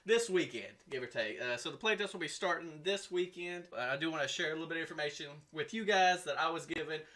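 A man's voice: fairly high pitch, fast talker, sharp tone. A man hosting a casual gaming news vlog, talking loosely with lots of "uh" and "like" fillers. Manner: chatty, loose, full of "uh" and "like" fillers. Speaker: gaming video host.

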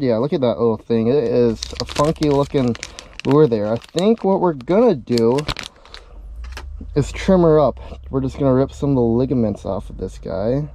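A young man narrates an ice fishing vlog in a relaxed, chatty way while he handles his gear. His voice sits in an ordinary middle pitch. It is picked up by a camera mic inside a small shelter, with faint noise underneath. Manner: laid-back, chatty, talks while rigging gear. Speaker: fishing channel host. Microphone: camera mic, then head-mounted action camera.

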